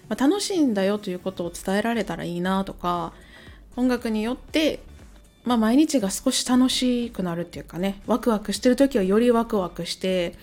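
A woman's voice: a little high, a little mellow. Hungover woman chatting casually over music. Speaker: host, amateur-facing musician and songwriter. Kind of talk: casual solo chat to listeners.

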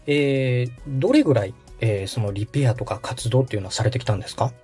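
A man hosting a podcast, also a radio director, interviews and coaches a guest in a polite, instructive, conversational way. His mid-range voice is mellow and quick-paced, with faint music behind.

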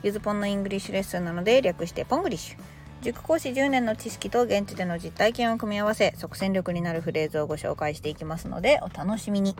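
A woman's voice: mid-range voice, fast talker, faint music behind. A woman in her thirties from Japan, giving a chatty podcast English lesson with casual explanations. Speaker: English teacher.

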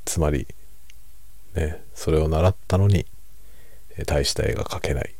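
A middle-aged man talks softly and casually over a late-night drink. His voice is extremely deep and husky, recorded close and dry. He muses without hurry and gently puts himself down. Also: no room sound. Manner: hushed, unhurried, musing, self-deprecating; relaxed monologue while drinking alcohol. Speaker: streamer.

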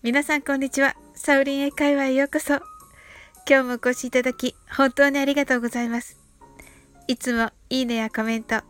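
A woman hosting a podcast English lesson, talking politely and chattily with soft fillers. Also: high-pitched. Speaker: host of an English-learning podcast.

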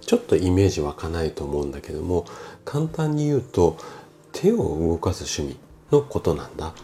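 A man in his fifties, a bodywork clinic owner hosting a solo podcast, calmly explaining things as if to his younger self. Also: sits low, normal speed, slight background noise. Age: 50s. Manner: calm, explanatory, speaking familiarly to a younger self.

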